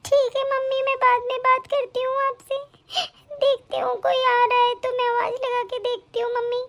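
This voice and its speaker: A woman plays a pregnant young daughter-in-law in an animated story, neglected by her family. She speaks in a plaintive, pleading way, and her voice is very high and thin. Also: moderate pace.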